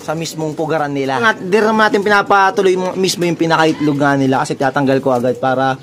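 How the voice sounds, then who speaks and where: A man vlogging about his racing pigeons outdoors, talking excitedly in a running commentary, sweaty and out of breath. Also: fairly high pitch, fast. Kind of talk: casual vlog commentary. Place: outdoors at a backyard pigeon loft. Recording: noisy outdoor recording.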